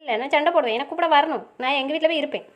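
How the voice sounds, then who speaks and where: A woman's voice: high-pitched, rapid-fire, highs cut off. A woman in a romantic audio drama, answering back in a stubborn, pouting, playful way.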